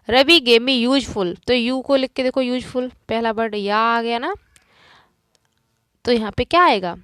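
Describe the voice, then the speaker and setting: A woman's voice: medium pitch, gravelly, fairly bright tone, no room sound. A woman teacher working through a grammar lesson, explaining each answer step by step and asking and answering her own questions.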